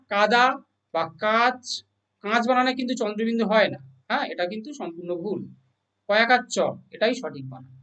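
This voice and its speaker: A grammar teacher gives an exam-prep lesson, asking questions, answering them, and repeating each definition slowly. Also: mid-range voice. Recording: voice a little far from the mic.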